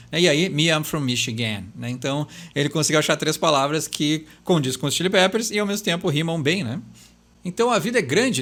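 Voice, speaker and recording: A Brazilian man with a slightly high voice talks through a song's lyrics as if chatting with a friend. He thinks aloud, doubles back on himself, and keeps checking in with a quick "né?". His delivery is relaxed and conversational. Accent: Brazilian Portuguese. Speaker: host explaining song lyrics. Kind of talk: casual lyric explanation.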